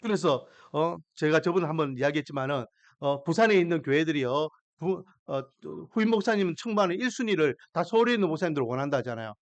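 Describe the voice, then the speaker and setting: A man's voice: on the high side, lively intonation, quick pace, few pauses, no echo. A man preaching a sermon, emphatic and putting questions to his congregation. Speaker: pastor.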